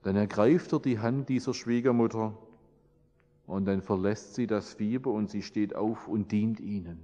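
A man's voice: on the low side, fairly even intonation, normal speed, dark tone. A man preaching a sermon and praying, in an earnest, repetitive preaching cadence. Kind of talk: sermon with prayer. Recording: long reverb, dull lo-fi sound.

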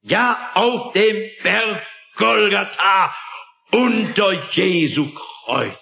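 A man's voice: sits high, drawn-out words, vocal fry, sharp tone. A man preaching a sermon in an emphatic, dramatic manner, often asking the listeners rhetorical questions. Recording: echoey, dull lo-fi recording.

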